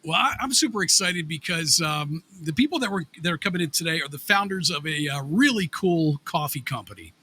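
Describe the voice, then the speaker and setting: A man co-hosting a podcast in casual chat, upbeat and filling pauses with "uh". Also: a little high, lively intonation, bright, forceful tone, breathy edge. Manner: upbeat, filler-heavy, many "uh". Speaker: podcast co-host.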